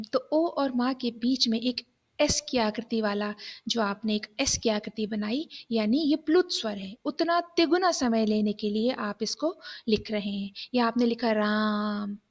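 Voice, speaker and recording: A young woman teaching a grammar lesson, slow and patient, talking straight to the children. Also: on the high side. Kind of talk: classroom lesson explaining Hindi grammar.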